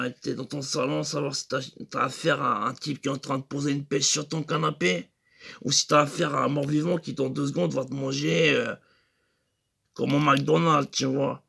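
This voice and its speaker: Gravelly rambling storyteller man. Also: medium pitch, sharp tone. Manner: hesitant, full of fillers and restarts, slangy. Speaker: comedian telling a story. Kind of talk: rambling comic anecdote.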